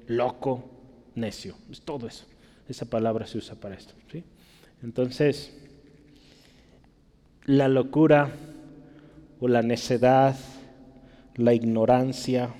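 A man's voice: mid-range voice, a little mellow. A man preaching a teaching sermon, often checking in with tag questions. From Mexico. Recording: long hall reverb.

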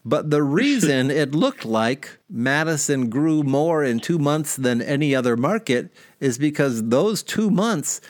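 A man's voice: a little high, animated, a little slow, hardly any pauses, no echo, studio quality. A man hosting a podcast in casual chat, talking in a chatty, rambling way with fillers. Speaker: podcast host.

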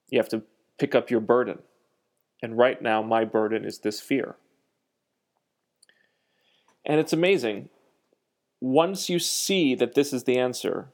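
A podcast host with a nasal voice of medium pitch and a darkish tone thinks aloud on his solo show, reflective and self-deprecating, with frequent pauses.

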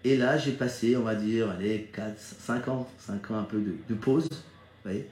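Speaking at a normal speed with fairly even intonation, a middle-aged man from Strasbourg, Alsace, France talks informally and motivationally about his network marketing career, like a mentor passing on experience. His voice is lowish, soft, and mellow, he keeps asking whether listeners agree, and the sound is echoey and roomy.

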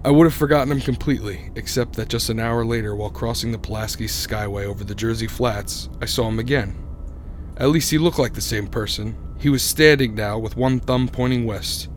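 In a radio drama, an actor with a brisk, natural mid-range voice plays a haunted young motorist recounting his eerie story. His narration and acting are grave, uneasy and suspenseful, with a little hiss or hum in the recording.

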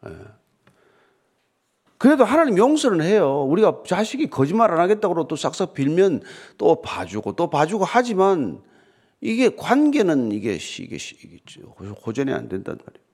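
A man preaching a morning sermon as pastor, conversational and animated, asking the listeners rhetorical questions. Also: on the high side, normal speed, slightly rough. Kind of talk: morning sermon with scripture reading.

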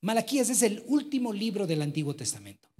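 A man preaching a live sermon in a church, swinging from loud exclamations to quiet asides. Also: sits high, big pitch swings, fast talker, slightly rough. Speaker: pastor. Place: church with congregation.

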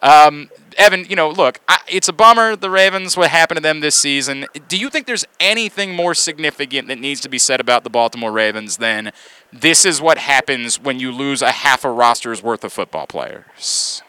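A man's voice: medium pitch, expressive, moderate pace, bright, forceful tone, smooth, no echo. A man hosting sports radio in a casual, rambling way, repeating words as he thinks aloud. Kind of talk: casual, conversational sports talk. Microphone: close studio microphone.

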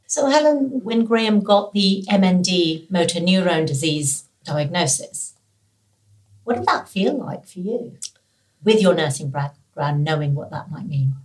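Woman interviewer, deep voice, kinda far off the mic, gentle probing questions. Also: animated, a little slow.

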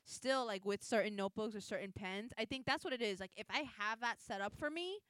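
Very smooth-voiced woman, rambling chat. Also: mid-range voice, a little fast, a bit bright, no room sound. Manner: rambling, self-interrupting, swears casually. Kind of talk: casual chat.

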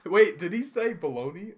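A man's voice: high-pitched, expressive, unhurried, crowd noise. A man from Canada co-hosting a casual podcast chat, joking and laughing easily as he rambles through a recap. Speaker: podcast co-host.

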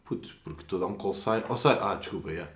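A young man with a European Portuguese accent, an airline pilot chatting casually on a podcast in an animated, slangy way. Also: low voice. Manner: slangy, animated, fast-talking. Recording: roomy echo.

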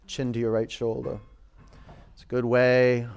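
A man's voice: mid-range voice, monotone, a little slow, darkish tone, clean tone. A man working as a yoga instructor, calling out rep counts and short commands as he leads a vinyasa class.

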